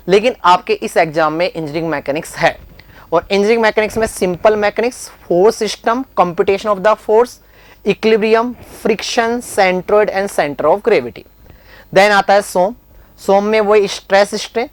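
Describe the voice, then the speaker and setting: A woman with an Indian accent, her voice sitting on the low side, walks through an exam syllabus in a steady teaching manner. She reads out topic after topic, slowing down on each technical term. The sound is dry and close, with no room echo. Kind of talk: syllabus walkthrough lesson in Hindi-English mix.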